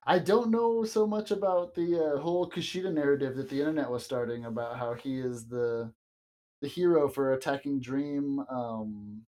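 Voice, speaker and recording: A podcast co-host recording in a small closet gives a casual wrestling show recap, speaking at normal speed in a medium-pitched, dark voice. The chat is loose and rambling, full of fillers and laughter.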